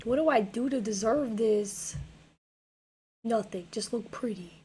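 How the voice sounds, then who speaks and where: Sitting at a desk mic in her home gaming room, a young woman with a hoarse, worn voice chats casually with her stream viewers. Her voice is on the high side, with a dark tone and measured pace, and she rambles, repeating words and leaning on fillers as her thoughts tumble out.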